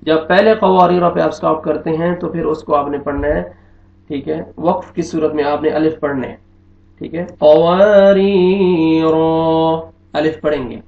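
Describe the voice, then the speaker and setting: Male Quran teacher, Urdu accent, gravelly, patient and repetitive, dull echoey recording. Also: fairly high pitch, steady tone. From Pakistan. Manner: explains patiently, repeats words slowly. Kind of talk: online recitation lesson.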